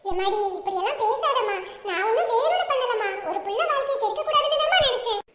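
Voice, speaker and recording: A woman doing a fretful, doting mother who keeps coaxing her upset daughter with pet names. The voice is very high and quick. It echoes in a room with a long reverb. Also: lively intonation, a bit bright. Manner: coaxing, repeats "emmadi". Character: anxious doting mother fussing over her crying daughter.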